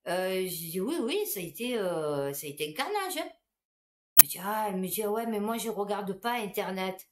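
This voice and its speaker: A woman, a supermarket cashier, telling anecdotes in a casual, animated monologue. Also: medium pitch, normal speed, slight background noise.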